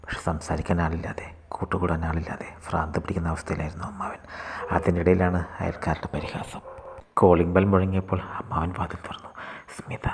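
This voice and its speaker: A man narrating a short story in a husky, breathy voice that often drops to a whisper. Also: deep voice, flat delivery, brisk, a little hiss or hum.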